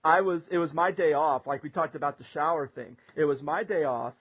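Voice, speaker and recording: Animated man telling camp stories. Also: fairly high pitch, brisk, breathy edge, lo-fi sound. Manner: animated, laughs often while telling stories. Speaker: podcast host. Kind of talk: casual storytelling chat.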